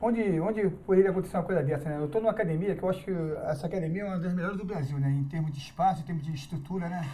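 A man from Rio is a guest in a casual interview. His voice is mellow and quick, he often tags on "entendeu?", and there is a faint hum of ambience behind him. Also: sits high.

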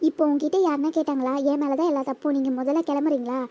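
A woman's voice: sits high, steady tone, rapid-fire, dark tone, natural voice. A woman voicing a hurt schoolgirl in a cartoon who talks bitterly and curtly. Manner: bitter, curt, sulky. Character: hurt, sulking schoolgirl Kaviya. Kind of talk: cartoon voice acting.

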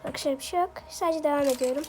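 A woman streaming gameplay in casual chat, excitably coaxing and scolding game characters and apologizing to her viewers. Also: high voice, very fast, slight background noise. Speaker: gaming streamer. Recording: loud game gunfire behind voice. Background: loud game gunfire and clicks.

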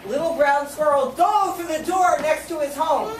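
A woman reading a picture book aloud to children, expressive and stopping to ask her listeners questions. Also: sits high, moderate pace. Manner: expressive, asks the audience questions. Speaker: storyteller. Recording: echoey room, distant mic, background noise.

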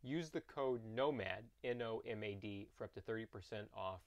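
A man's voice: lowish voice, moderate pace. A man in his thirties talks casually and earnestly to camera as a vlog host, recorded inside a small camper trailer a little way from the mic.

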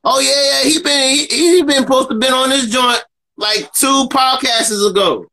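A man's voice: extremely high pitch, steady tone, moderate pace, gravelly, sharp tone, poor audio. A man hosting a casual livestream podcast, talking in a hyped-up way, repeating himself and stumbling over words. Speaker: podcast host. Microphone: phone camera.

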